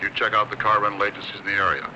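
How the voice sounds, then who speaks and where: Clipped police dispatcher over a two-way radio. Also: male voice, on the low side, level tone. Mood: businesslike. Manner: brisk, clipped radio procedure talk. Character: curt male police dispatcher. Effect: heard over a two-way radio. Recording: muffled, noisy 1970s film radio transmission.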